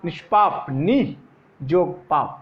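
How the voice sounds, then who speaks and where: A male teacher giving a classroom grammar lesson, speaking slowly and repeating terms to stress what comes up in exams. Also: sits high, lively intonation, dull audio. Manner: slow, repeating terms and stressing exam points. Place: classroom, moving about the board.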